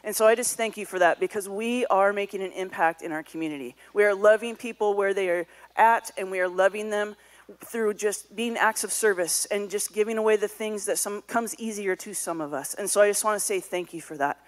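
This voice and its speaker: A woman's voice: mid-range voice, a little fast. A woman giving church announcements in a sanctuary, conversational with casual fillers.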